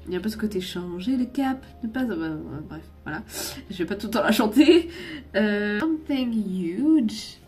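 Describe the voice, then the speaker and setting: A woman's voice: mid-range voice, lively intonation, fairly quick, few pauses, mellow, soft background music. A woman doing a casual tarot and oracle card reading, rambling and laughing often, tossing in English words now and then.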